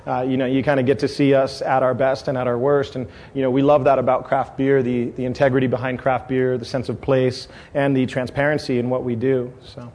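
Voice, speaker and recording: At a tasting event, a middle-aged San Diego brewery owner rambles casually to the crowd, stumbling through fillers and restarts. His mid-range voice is level and a little mellow. He talks fairly quickly, barely pausing.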